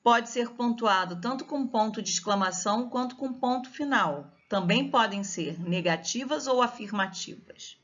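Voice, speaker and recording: A woman's voice: on the high side, normal speed, few pauses, a bit bright, muffled recording. A woman teacher with a Brazilian Portuguese accent giving a grammar lesson and explaining step by step. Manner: explains step by step, checks with students.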